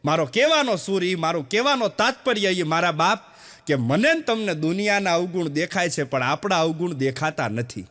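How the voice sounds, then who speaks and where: A man's voice: sits high, expressive, moderate pace, fairly bright tone. A man telling jokes on stage, slipping into the voices of the villagers and family members in his stories. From Gujarat, India. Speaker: stand-up comedian. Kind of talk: Gujarati stand-up joke telling. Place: stage show with a live audience. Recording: long hall reverb.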